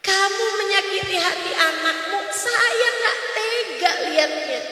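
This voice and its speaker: A woman's voice: extremely high pitch, unhurried, sharp tone, faint music behind. A woman preaching a sermon in a large mosque hall, with impassioned rhetorical questions to the audience. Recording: echoey hall, mic at a distance.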